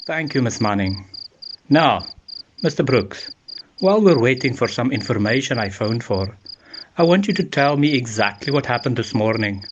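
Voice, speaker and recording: Through a noisy amateur recording comes a methodical police inspector, acted by a man in a radio murder mystery. He has a medium-pitched voice and speaks formally and deliberately, keeping calm as he works through the case. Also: close to an everyday voice. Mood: probing, formal.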